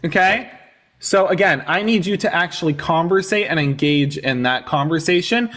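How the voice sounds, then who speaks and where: A man's voice: on the high side, moderate pace, fairly bright tone. Brash man hosting a live-stream debate. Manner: mocking, domineering, talks over the guest.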